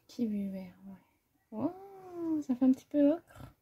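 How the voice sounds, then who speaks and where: A woman's voice: high voice, big pitch swings, slow, warm tone, lo-fi sound. A woman vlogger chatting casually as she swatches watercolors, thinking aloud and poking fun at herself. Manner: chatty and self-deprecating. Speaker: art vlogger. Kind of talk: casual art-supply haul commentary.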